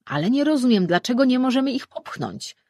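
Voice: high-pitched, big pitch swings, brisk, a little mellow, no echo, clean studio sound, voice pushed up, exaggerated voice. Pushy, argumentative male god, as a reader puts him on. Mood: pressing.

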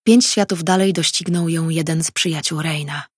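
A woman narrating a fantasy audiobook in a measured, even reading. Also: low voice, slightly rough, no room sound, studio quality.

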